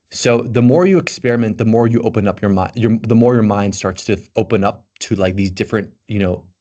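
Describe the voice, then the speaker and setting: Here a Belgian man with an American accent guests on a casual podcast, eager and easygoing, peppering his words with "like." He makes tech content, and his voice is fairly low and darkish.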